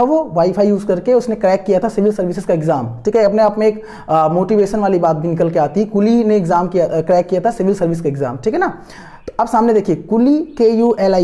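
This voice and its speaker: Man, online exam tutor, mellow warm tone, repetitive, hesitant fillers, coaxing. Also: sits high. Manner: repeats key words often, full of hesitant fillers; coaxing and encouraging toward students. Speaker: exam-prep teacher. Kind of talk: online lesson explaining memory tricks from slides.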